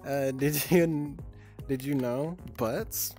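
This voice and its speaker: A woman's voice: a bass voice, slow pace, mellow, soft background music. A woman in her twenties chatting casually with her stream chat, laid-back and giggly, swearing freely. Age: 20s.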